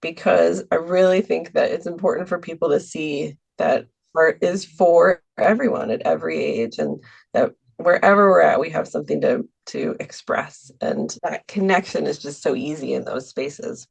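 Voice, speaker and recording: Woman podcast guest, really gravelly voice, lots of ums and little laughs, easygoing chat. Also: sits low, sing-song, normal speed. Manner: hesitant, many ums, laughs often. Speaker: podcast guest, art teacher for seniors. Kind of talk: casual interview talk. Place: Milwaukee, US.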